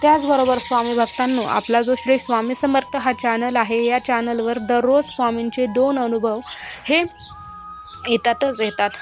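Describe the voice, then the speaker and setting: Earnest higher-voiced woman storyteller. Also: fairly even intonation, a little slow, music in the background. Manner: earnest, addresses listeners as devotees. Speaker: devotional storyteller. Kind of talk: spoken story narration.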